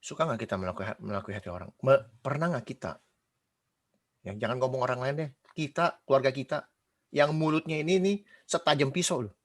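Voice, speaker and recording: A man preaching a casual sermon, animated, quizzing the congregation and mimicking gossiping people. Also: medium pitch, a little fast.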